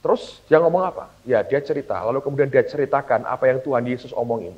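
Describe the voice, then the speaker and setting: A man's voice: medium pitch, fast. A middle-aged man, a pastor, telling a personal story in a sermon and addressing the congregation as brothers and sisters. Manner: addresses listeners as "saudara", acts out dialogue. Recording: dull lo-fi sermon recording.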